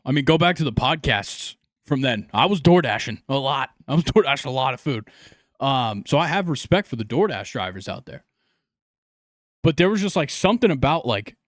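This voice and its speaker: A podcast host telling a rambling, animated story in casual chat, with many fillers and restarts. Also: male voice, medium pitch, no echo, clean studio sound.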